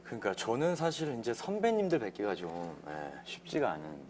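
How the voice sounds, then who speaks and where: A man's voice: mid-range voice, huge pitch swings, a little fast, noisy background. A man hosting a casual talk show, chatty and playful, leading the questions.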